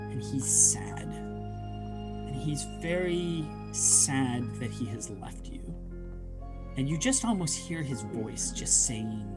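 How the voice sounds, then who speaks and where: Slow, soft-spoken male game master. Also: a little high. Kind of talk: narrating a tabletop game.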